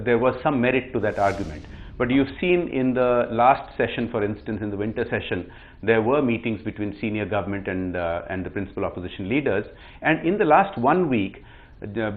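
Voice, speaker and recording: A man, a politician on a TV panel interview, making measured arguments over the phone. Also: medium pitch. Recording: tinny phone line.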